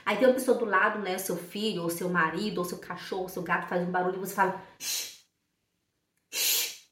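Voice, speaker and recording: A woman teaching German in a casual online lesson, chatty, repeating words slowly to model pronunciation. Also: fairly low pitch, fairly even intonation, fairly bright tone, far from the mic. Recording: echoey room, voice a bit off-mic.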